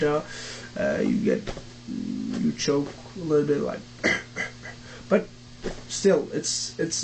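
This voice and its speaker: A young man, not a native English speaker, demonstrates vocal techniques in an informal tutorial from home, often restarting and filling pauses. His pitch is on the high side, and the poor audio has a little hiss or hum.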